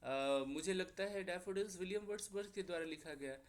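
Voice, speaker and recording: A young man with an Indian accent teaching a lesson on figures of speech, mixing in English and drawing out his example sentences slowly. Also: high voice. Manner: slow, drawn-out repetition of example sentences.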